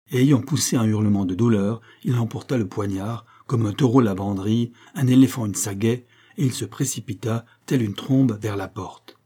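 A man reading a novel aloud as an audiobook, in steady storytelling narration that lifts for the spoken lines. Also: fairly low pitch, breathy edge. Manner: steady storytelling, raising voice for dialogue. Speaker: audiobook reader. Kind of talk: scripted narration.

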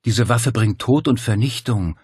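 A man voicing a calm, persuasive male cult leader who coaxes and quietly threatens. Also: mid-range voice, measured pace, pitched above the performer's own voice. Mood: coaxing. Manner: smooth, coaxing, quietly menacing.

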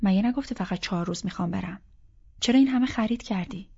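A woman reading the lines of a worried older mother who speaks with soft, subdued reproach, in an audiobook. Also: mid-range voice, gravelly, husky. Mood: puzzled. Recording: slightly dull audiobook recording.

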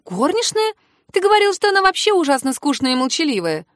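A woman voicing a quick-tempered young noble sister who speaks in shrill, rising outbursts. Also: big pitch swings, no room sound, studio quality. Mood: suspicious.

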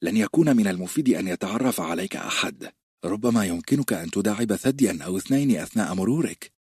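A sly courtier who mocks everyone, voiced by a male narrator in an audiobook. The voice is low with a husky grain, recorded close and dry. He talks smugly, with a teasing edge. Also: lively intonation, fast, darkish tone, no echo. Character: sly, mocking small courtier man.

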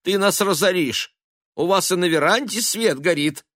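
A man's voice: a little high, expressive, normal speed, fairly bright tone, no echo, studio quality, pitched above the performer's own voice. A man voicing a nagging, stingy old mother. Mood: scolding. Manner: nagging, bitter and self-pitying. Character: stingy, reproachful old mother, scolding her grown sons.

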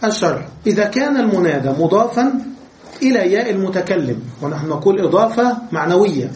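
A man's voice: sits high, lively intonation, fast talker, darkish tone, roomy sound, distant mic, slight background noise, poor audio. A man teaching an Arabic grammar lesson, explaining step by step and asking his class questions before answering them.

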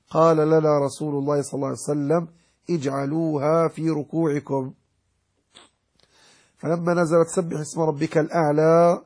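A man's voice: on the high side, gravelly, darkish tone, husky. A man as a sheikh giving a religious jurisprudence lecture, explaining and repeating points and checking that his listeners understand. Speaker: sheikh teaching Islamic jurisprudence.

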